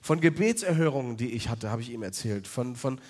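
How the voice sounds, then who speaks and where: A man's voice: medium pitch, lively intonation, fairly quick, darkish tone. A man in his thirties telling a personal faith story to an evening audience, in a loose, chatty way full of fillers.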